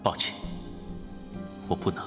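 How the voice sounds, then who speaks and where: A man in a scripted drama voicing the disembodied voice of an old diary, speaking in a calm, measured way. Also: in a large hall, natural voice. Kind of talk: scripted radio-drama narration. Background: music.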